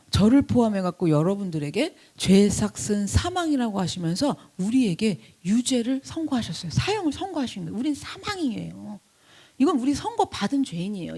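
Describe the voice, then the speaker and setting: A woman pastor preaches with a husky, slightly breathy voice pitched a little high. Her delivery swings widely in pitch, and she acts out pleading voices and sometimes drops to a whisper for emphasis. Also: very animated, brisk, a little mellow. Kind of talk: sermon.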